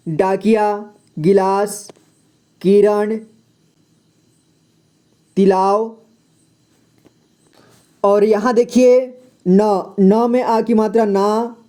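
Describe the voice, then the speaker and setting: A man's voice: sits high, mellow. A man teaching beginners to read Hindi, patiently sounding out each word letter by letter, then repeating it and asking the listener to say it back. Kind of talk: slow reading lesson for beginners.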